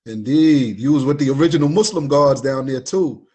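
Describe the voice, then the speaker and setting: A man's voice: medium pitch, moderate pace, mellow, breathy edge. A man hosting a casual conversation, affirming his guest and often adding "you know what I mean.". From Richmond, Virginia. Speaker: host.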